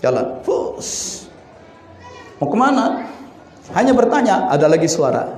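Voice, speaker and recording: A middle-aged man preaching a sermon, telling a personal story and swinging between hushed and excited delivery. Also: high-pitched, unhurried, slight background noise. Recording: echoey room with faint ambience.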